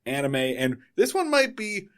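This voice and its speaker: Closing out a podcast he co-hosts, a man reads off plugs in a loose, wandering fashion and keeps correcting himself. He sounds high, smooth and fairly bright, very animated but measured in pace.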